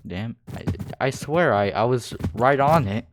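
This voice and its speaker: A man's voice: medium pitch, lively intonation, a little slow. A man chatting casually on a gaming livestream, talking hesitantly from inside a mask, with keyboard clicks behind him. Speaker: live streamer. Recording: noisy mic with keyboard clicks. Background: keyboard typing and clicks.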